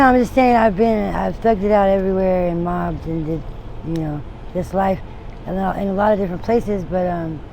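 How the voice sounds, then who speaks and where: Outdoors on a noisy street with traffic passing, a woman in her forties speaks frankly to an interviewer. Her voice is gravelly and mellow at a fairly low pitch, and her talk wanders with many restarts and unfinished thoughts.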